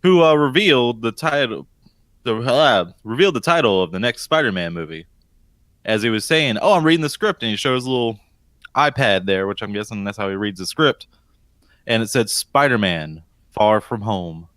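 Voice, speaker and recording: A male podcast co-host with a lively, swinging pitch who talks in rambling, hesitant stretches and jokes at his own expense. The sound is close and dry from a studio microphone. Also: normal speed, dry recording. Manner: rambling, hesitant, self-deprecating. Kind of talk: casual podcast banter.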